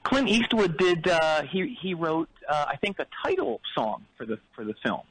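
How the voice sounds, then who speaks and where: A man's voice: fairly high pitch, big pitch swings, moderate pace, a bit bright, husky, poor audio. A man calling in to a radio show, rambling earnestly and confidently wrong. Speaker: caller. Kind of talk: comedic call-in banter.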